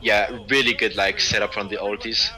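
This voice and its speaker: A man's voice: fairly low pitch, fairly even intonation, moderate pace, crowd noise, low-quality recording. A man giving casual esports analysis as co-caster, chatty critiques full of "like".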